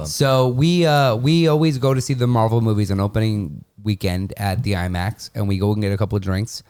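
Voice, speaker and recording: A man on a podcast in casual chat, telling stories quickly and with animation. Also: fairly low pitch, clear, resonant tone. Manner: fast, animated storyteller. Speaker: podcast panelist.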